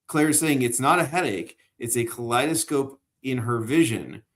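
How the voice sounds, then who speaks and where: A man's voice: mid-range voice, expressive, normal speed, fairly bright tone. A man co-hosting a live stream as producer, chatting casually and often repeating words. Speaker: producer and co-host. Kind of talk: casual livestream chat.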